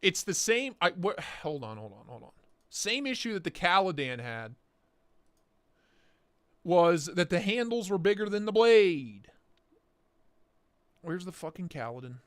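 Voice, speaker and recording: Losing his voice to hoarseness, this young man chats casually on his livestream with big, all-over-the-place pitch swings from a high register. He swears and breaks into rapid mock voices, recorded dry and close without any room echo.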